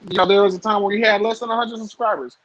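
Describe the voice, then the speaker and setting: Guest, man in his 30s from the US South, higher voice, dry close mic, casual rambling talker. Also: fairly even intonation, racing, fairly bright tone, no echo, low-quality recording. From southern United States. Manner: rambling, lots of fillers, laughs often. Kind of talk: casual podcast chat.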